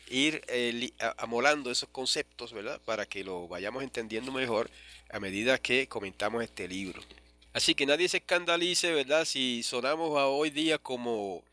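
A man delivers a teaching sermon in a bright, ringing voice, recorded close and dry with no room sound. He explains each term patiently, spelling out key words and calling his listeners brothers. His pace is measured, with frequent small pauses. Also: medium pitch, no room sound. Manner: measured, with frequent pauses and restarts, asks "¿verdad?" often. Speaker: preacher teaching on Revelation.

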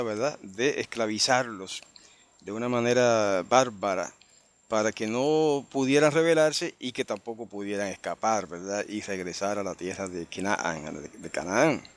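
A man teaching through a Bible passage verse by verse, slow and explanatory, often checking in with tag questions. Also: on the low side.

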